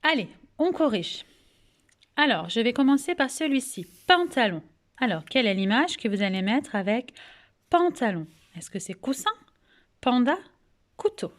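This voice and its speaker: A woman teacher with a French accent leads a recorded phonics lesson for young children, pronouncing each word slowly and clearly, asking gentle questions and praising the answers. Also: fairly high pitch, sing-song. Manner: slow, clearly articulated, patient, coaxing questions and praise. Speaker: kindergarten teacher.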